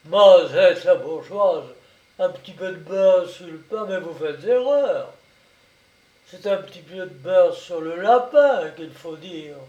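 A man's voice: sits high, slow, mellow, distant mic, highs cut off. A man voicing a blustering rural gendarme sergeant who bellows orders in rustic speech. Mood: mocking. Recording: echoey room, voice set back.

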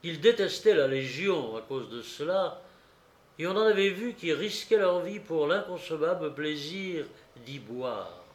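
A man reading a classic novel aloud in a slow, measured narration, lifting his voice for quoted shouts. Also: a little high, big pitch swings, echoey room. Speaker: audiobook reader. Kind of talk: literary narration.

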